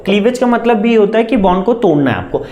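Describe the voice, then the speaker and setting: In a classroom lecture recorded in an echoey room with dull audio, a man teaches chemistry, coaxing students he calls "beta" and answering his own questions. He dictates definitions slowly, word by word. His voice is high and dark-toned, with lively intonation.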